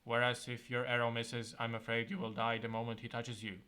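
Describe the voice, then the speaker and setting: A stern, tired old male wizard speaks calmly and gravely, laying out instructions in a measured, solemn way, as a man reading a gamebook puts him on. His voice sits at a middling pitch and stays close to an ordinary reading voice. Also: lightly acted.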